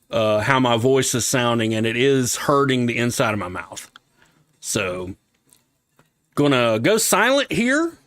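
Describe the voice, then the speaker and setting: Male streamer, mid pitch, slight lisp, halting think-aloud delivery, dry close mic. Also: clean tone, no room sound. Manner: thinking aloud, halting, talks himself through small decisions. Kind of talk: casual livestream commentary while working.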